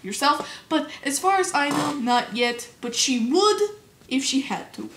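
Blunt deadpan detective, a woman in the part, high and animated, echoey noisy home take. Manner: blunt, deadpan, quick comebacks. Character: tough blunt female detective, thirtyish. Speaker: interviewee. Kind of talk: amateur role-play interview. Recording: roomy home recording with noise.

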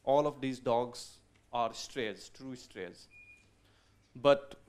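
This middle-aged Nepali presenter has a clear, resonant, slightly mellow mid-range voice. Speaking into a podium mic at a conference, he courteously works through his slides, often stumbling with ums and restarts.

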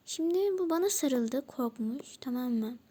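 A woman's voice: high-pitched, expressive, measured pace, mellow, slightly rough, full character voice. A woman voicing a flustered middle-aged father who keeps making defensive excuses. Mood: evasive.

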